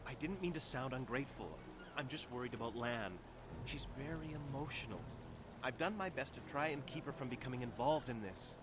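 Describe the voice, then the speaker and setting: A man's voice: mid-range voice, a little fast, background noise, natural voice. An actor playing an anxious, proud young man in a game, talking earnestly about his troubles. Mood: worried. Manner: earnest, worried.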